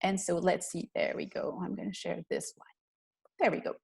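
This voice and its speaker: A woman's voice: lowish voice, flat delivery, normal speed, gravelly, darkish tone. Belgian woman explaining on a webinar. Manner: earnest, explanatory, slightly non-native phrasing. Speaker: guest presenter, physical therapist.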